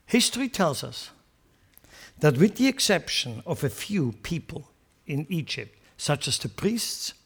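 A man preaches in a fairly high voice. He leans hard on key phrases, then drops to quiet asides and chuckles at his own jokes. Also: big pitch swings, unhurried, slightly rough. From Switzerland. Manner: emphatic, swings between loud stressed phrases and quiet asides. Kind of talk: sermon.

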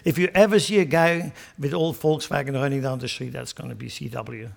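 A man from Switzerland preaching a sermon, emphatic and joking, dropping from loud stressed lines to quiet asides. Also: medium pitch, steady tone, fairly quick, gravelly. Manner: joking, chuckles at his own remarks.

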